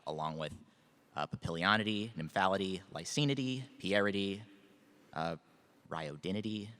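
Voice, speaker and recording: A man with a very low voice answers quiz questions, hesitating with fillers before listing technical terms. His voice carries a long reverb from a large hall. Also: fairly bright tone. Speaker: quiz contestant.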